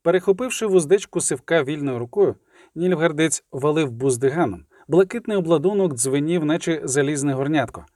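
Guy narrating an audiobook, steady dramatic reading, bit higher voice, dead dry studio sound. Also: a little fast, dry recording.

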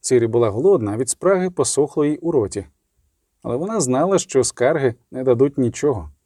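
A man narrating an audiobook in a measured, even storytelling manner. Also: mid-range voice, no echo, studio quality.

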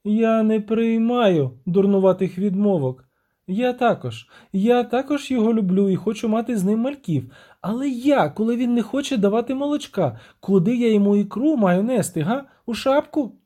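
A shrill, indignant young siren, as a male narrator puts her on in an audiobook, complaining in a high singsong lilt. Her voice leaps around wildly but stays mellow and soft in tone. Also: expressive, moderate pace.

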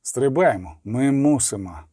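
A man's voice: mid-range voice, animated, a little slow, dark tone, no room sound, clean studio sound. A man voicing a hardened male monster hunter who barks terse orders in an audiobook. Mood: urgent.

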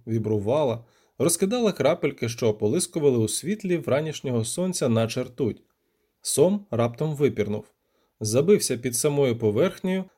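A man narrating an audiobook with vivid, animated storytelling. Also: mid-range voice. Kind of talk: expressive scripted narration.

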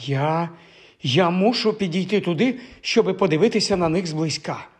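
A man's voice: high-pitched, normal speed, voice pushed up, close to an everyday voice. A man voicing a shy, nervous young woman who speaks with a trembling voice. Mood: excited.

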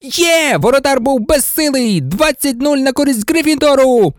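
Man doing a hyped teenage boy commentator, rapid-fire and shouting, very high and swooping, dry close sound. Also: sing-song, no echo. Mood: excited. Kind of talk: audiobook character voice.

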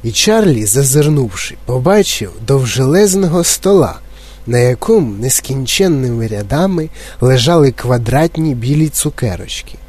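Male audiobook narrator, expressive storyteller, mid-pitched. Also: moderate pace.

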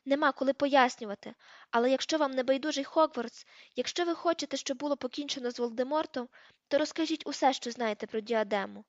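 Woman reader doing a frantic schoolboy wizard, higher and pushy, dull dry audiobook sound. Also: normal speed, no room sound. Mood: urgent. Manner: shouting, pleading. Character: teenage boy wizard, urgent and desperate.

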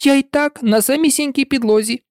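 A woman's voice: high-pitched, fairly quick, a little mellow, no echo, clean studio sound, voice pushed up, lightly acted. A woman voicing a timid male hatter who pleads in a trembling voice in a storybook reading. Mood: nervous pleading. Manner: nervous, pleading.

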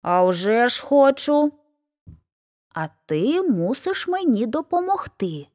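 A woman's voice: on the high side, takes it slowly, pitched above the performer's own voice. A woman reading as a sly, confident hedgehog. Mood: scheming. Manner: calm, persuasive instructions.

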